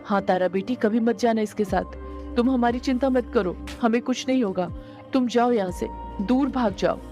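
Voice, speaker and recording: A woman's voice: on the high side, moderate pace, warm tone, voice pushed up, lightly acted. A protective older man, put on by a woman narrating a horror story, urgent and pleading as he tells a girl to flee. Faint music plays underneath.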